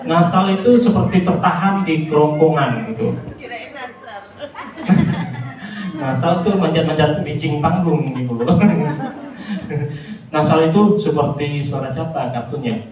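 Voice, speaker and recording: Playful high-voiced man teaching in an echoey hall. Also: normal speed, muffled recording, some chatter behind. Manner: lively, playful, chuckling often. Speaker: storytelling trainer. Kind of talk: workshop lesson with voice demonstrations. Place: large indoor hall with an audience. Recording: echoey hall, mic from a distance. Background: audience murmur.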